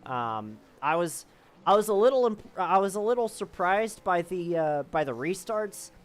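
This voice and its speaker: A man with a slightly high voice, hosting an online racing broadcast. He interviews drivers casually, halting often and leaning on fillers. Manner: relaxed, halting, many fillers.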